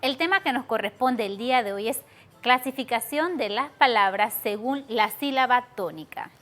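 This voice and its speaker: A woman's voice: on the high side, expressive, moderate pace, fairly bright tone, soft background music. A woman teacher giving a televised class to schoolchildren, explaining patiently step by step and stretching out words.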